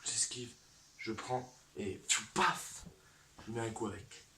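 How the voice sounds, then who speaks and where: Low-voiced man rambling an absurd story. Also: steady tone, slow pace, pushed and bright, distant mic, slight background noise. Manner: rambling, with sound effects and self-corrections.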